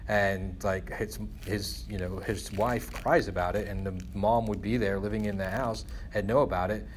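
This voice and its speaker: With a low-ish voice, a steady tone and a normal pace, a middle-aged man from England rambles casually as he vents, peppering his talk with "you know" and "like." He was born in England to Guyanese parents of Indian heritage. A little hiss or hum sits under the recording.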